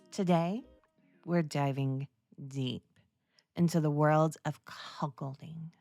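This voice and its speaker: Slow-paced, lower-voiced woman podcaster. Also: darkish tone, dry recording, studio quality. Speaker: podcast host. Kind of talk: solo podcast monologue, conversational explainer.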